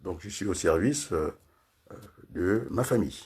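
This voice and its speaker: Older man, husky, lively pitch, rambling talk with lots of tag questions. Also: normal speed. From Congo. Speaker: political commentator. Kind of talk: casual political talk.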